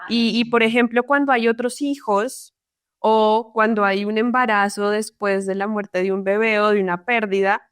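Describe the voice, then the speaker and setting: A Colombian woman talks as a guest in a relaxed interview, thoughtful and unhurried in her phrasing. Her voice is smooth and clear at a middle pitch, and the sound is dry and close with no room around it. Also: dry recording. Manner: reflective, tags sentences with "¿no?". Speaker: psychologist guest. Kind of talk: casual interview conversation.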